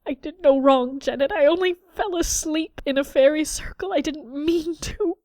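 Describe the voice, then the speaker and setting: A woman's voice: fairly high pitch, flat delivery, measured pace, dark tone, dry recording, studio quality. A woman reading a sobbing, pleading young man held captive by a fairy queen in a storybook. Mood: anguished.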